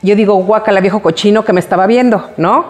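A woman co-hosting a casual talk show, expressive and emotional, acting out the phrases she quotes. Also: mid-range voice, quick pace. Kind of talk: casual chat.

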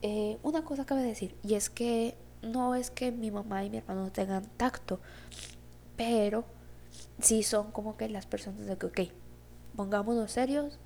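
A woman's voice: medium pitch, warm tone, a little hiss or hum. A young woman with a Mexican Spanish accent telling a personal story in a casual, rambling vlog style, full of fillers and acted-out dialogue. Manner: rambling, heavy filler "o sea, como que"; acts out quoted dialogue. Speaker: vlogger.

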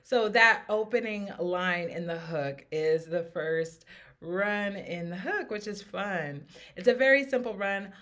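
A woman's voice: medium pitch, slow, fairly bright tone. A woman vocal coach giving an upbeat, encouraging singing lesson, singing short examples between explanations. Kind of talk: singing lesson with sung demonstrations. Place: home studio podcast.

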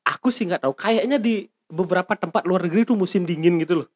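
A man's voice: high-pitched, quick pace, husky. A man chatting casually about hotel work, joking and breaking into laughter often. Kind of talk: casual podcast chat.

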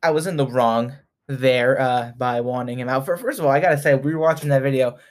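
A man's voice: mid-range voice, fairly quick. A man in his early twenties, a sports fan vlogger talking casually, chatty and self-mocking, often laughing. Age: 20s.

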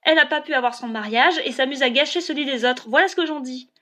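A woman voicing a mocking, spiteful young female disciple who jeers loudly at a rival in a storybook reading. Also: high-pitched, fast talker, voice pushed up. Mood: scornful. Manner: loud, jeering and scornful.

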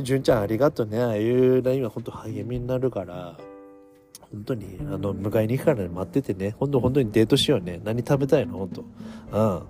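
A man's voice: lowish voice, warm tone. Chatty man telling a story. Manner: chatty, rambling, gets heated and tough-talking. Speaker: podcast host. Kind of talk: casual solo storytelling podcast.

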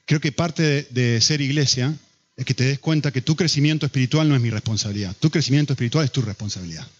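An Argentine man in his thirties preaching a sermon to his church, animated and full of rhetorical questions. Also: medium pitch, fast, breathy edge. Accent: Argentine Spanish. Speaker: pastor. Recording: dull lo-fi recording.

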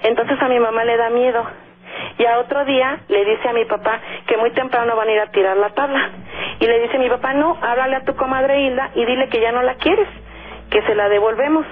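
A woman with a Mexican accent, calling in to a radio show to tell a ghost story. She talks as a lively storyteller who acts out other people's lines, with frequent "este" fillers. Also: fairly high pitch, fairly quick. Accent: Mexican Spanish. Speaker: radio caller. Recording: tinny phone line.

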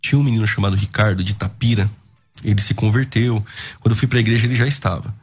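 Husky low-voiced man telling his story. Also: fairly even intonation, fast, faint music behind. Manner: recounts events, acting out quoted dialogue. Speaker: guest giving his testimony. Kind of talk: conversational storytelling.

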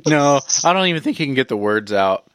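A man's voice: medium pitch, big pitch swings, fast, a bit bright, dry recording. Dry-humored man, close and dry sound. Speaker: podcast co-host. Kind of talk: casual comedic banter.

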